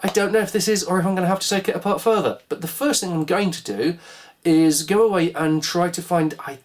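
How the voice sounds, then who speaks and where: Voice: mid-range voice, fairly quick. A vlog host giving casual hands-on repair commentary, musing wryly and asking themselves questions in a rambling way. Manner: rambling, wry musing with self-directed questions.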